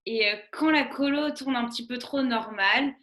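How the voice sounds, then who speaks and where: A young woman with a high voice co-hosts a radio show. She introduces a guest and leads her with playful, lively questions. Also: normal speed. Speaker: co-host, columnist. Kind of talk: radio segment, leading an interview.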